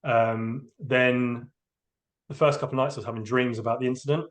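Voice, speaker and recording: A man's voice: mid-range voice, steady tone, moderate pace. A man, a train driver giving a candid, hesitant personal account in a podcast interview. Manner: hesitant, open, emotionally candid.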